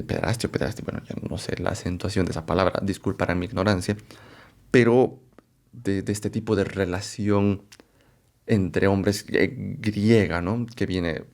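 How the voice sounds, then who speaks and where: A man presenting a philosophy lecture, unhurried and thinking aloud, often checking in with rhetorical questions and correcting himself as he goes. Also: low voice, vocal fry, a little mellow. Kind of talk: explanatory lecture to camera.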